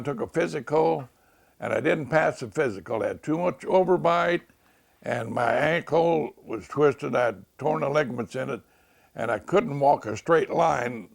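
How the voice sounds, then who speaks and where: An American man in his nineties, an old war veteran remembering his service, telling anecdotes in a creaky, gravelly voice and acting out remembered dialogue. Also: fairly high pitch. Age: 90s. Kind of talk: oral history reminiscence.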